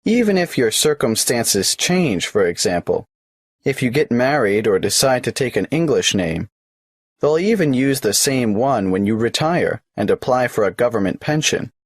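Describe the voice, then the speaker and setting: A man's voice: mid-range voice, very animated, moderate pace, no echo, clean studio sound. An actor playing a polite, businesslike male tax office clerk who asks questions in a scripted exam dialogue.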